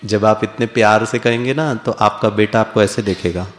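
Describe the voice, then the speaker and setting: A man's voice: fairly low pitch, fairly even intonation, normal speed, soft background music. A man giving a playful spiritual lecture to a live audience, coaxing them through a smiling exercise. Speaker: spiritual speaker.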